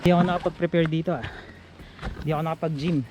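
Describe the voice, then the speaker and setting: A man's voice: fairly high pitch, fairly even intonation, quick pace, background noise. A man talking casually as a travel vlogger on a mountain trail, joking at his own expense and laughing often, out of breath from the climb. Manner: chatty, laughs often, jokes at himself. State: out of breath while hiking. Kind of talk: casual travel vlog narration.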